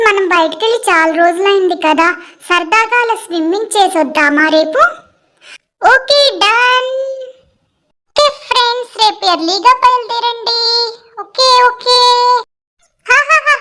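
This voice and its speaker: A squeaky little onion girl. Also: moderate pace, bright, forceful tone. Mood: cheerful. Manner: tiny squeaky cartoon voice, laughs a lot. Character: squeaky little female onion, cheerful then grieving. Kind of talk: animated storybook voice acting.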